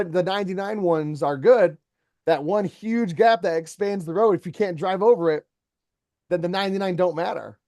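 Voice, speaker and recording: A man's voice: high-pitched, warm tone, dry recording. Earnest man coaching an employee. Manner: earnest, storytelling, mentoring. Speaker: company owner coaching an employee. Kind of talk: one-on-one coaching talk.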